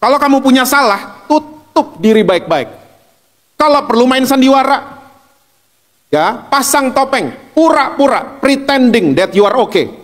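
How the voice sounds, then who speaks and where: A man voicing a sly male devil tempter who coaxes slowly and persuasively. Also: extremely high pitch, expressive, a bit bright, long reverb tail, voice pushed up, exaggerated voice. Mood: coaxing. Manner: coaxing, slow and persuasive.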